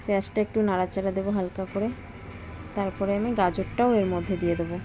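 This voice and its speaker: A woman's voice: medium pitch, steady tone, a little fast. A woman with a Bengali accent, chatting viewers through a home cooking vlog step by step and cooing at her toddler. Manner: chatty, talks viewers through each step, sing-song baby talk to her toddler. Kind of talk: casual cooking vlog narration.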